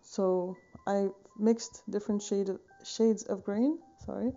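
A Swiss woman in her thirties, a painting vlogger, talks slowly through her painting process in a home studio with wooden shelves, in a mid-range yet very dark, mellow, gravelly voice. Her casual tutorial rambles in a relaxed way, full of fillers and self-corrections. The phone camera at desk distance captures dull audio with faint music behind.

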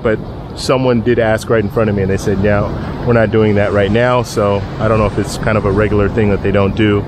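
A man's voice: lowish voice, background noise. A middle-aged man vlogging about travel in a casual, rambling way, filming himself at arm's length on an outdoor beach. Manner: chatty, rambling with many restarts. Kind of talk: casual selfie vlog. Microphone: phone camera at arm's length.

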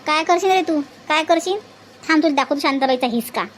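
A woman's voice: high voice, brisk, a little hiss or hum, close to an everyday voice. A woman voicing a fierce middle-aged village auntie who scolds hotly, speaking with a Varhadi Marathi accent. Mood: furious lecture. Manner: scolding, fiery, righteous.

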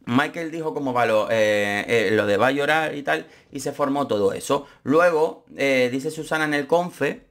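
A man's voice: medium pitch, moderate pace, few pauses, fairly bright tone, soft background music. A man giving chatty, opinionated commentary on a reality show. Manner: chatty, opinionated, frequent restarts. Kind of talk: casual commentary vlog.

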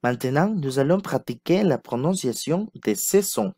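A man teaching pronunciation who models each sound and word slowly and clearly so learners can repeat after him. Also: mid-range voice, expressive, warm tone, dry recording, studio quality. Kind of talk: slow, carefully enunciated pronunciation lesson.

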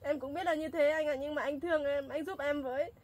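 A woman's voice: high voice, fast talker, a crowd in the background, lightly acted. A woman playing a desperate single mother who begs tearfully in a staged home drama. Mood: pleading. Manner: pleading, tearful begging. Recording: steady background noise.

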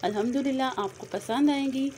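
With a high, brisk, slightly mellow voice, the host of a cooking channel explains a recipe to viewers step by step. She is friendly and direct with her audience, sprinkling in English words. The recording, made on a phone in a home kitchen, is noisy over the frying and sizzling of a pan.

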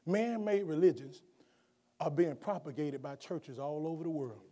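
A middle-aged male guest preacher with a high, bright voice, delivering a sermon from a lectern in a college chapel. He drops to calm teaching, then climbs into shouted emphasis, stumbling and restarting as he goes. The big room adds a long, ringing reverb. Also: slightly rough. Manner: swings from quiet explanation to shouted emphasis; stumbles and restarts often when speaking off the cuff. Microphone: lectern microphone, wide camera.

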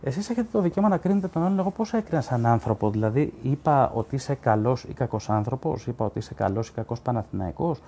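A man's voice: medium pitch, lively intonation, hardly any pauses, warm tone, slight background noise. A man hosting a live stream as a sports journalist, reading viewer comments aloud in casual commentary and arguing bluntly with them, with many fillers and restarts.

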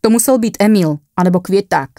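A woman voicing a gruff but friendlier male ambulance driver who speaks in a matter-of-fact way. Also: mid-range voice, dark tone, no room sound, clean studio sound, natural voice.

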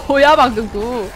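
A woman streaming a game live, excitable, often shouting and laughing and answering her chat. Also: fairly high pitch, slight background noise. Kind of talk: live gameplay commentary. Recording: game music playing clearly behind. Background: game music.

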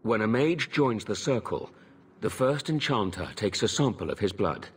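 Low, formal knight. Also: male voice, animated, husky. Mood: grave, earnest. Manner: formal, grave, measured. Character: earnest, stern, honorable armored knight templar. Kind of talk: video game voice acting.

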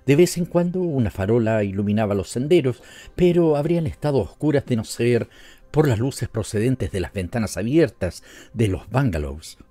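A man with a Latin American Spanish accent narrating an audiobook story in a measured, even way. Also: medium pitch, no echo. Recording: soft music underneath.

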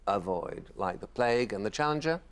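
A man's voice: lowish voice, animated, fairly quick. Guy hosting a quiz show, voice swings up and down a lot, dry jokes, noisy studio sound. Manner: dry, teasing quips. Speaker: game show host.

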